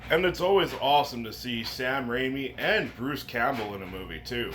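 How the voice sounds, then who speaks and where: A man's voice: mid-range voice, lively intonation, normal speed, a bit bright. A man giving a casual, enthusiastic movie review with some swearing. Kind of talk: casual film review to camera. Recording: noticeable background noise.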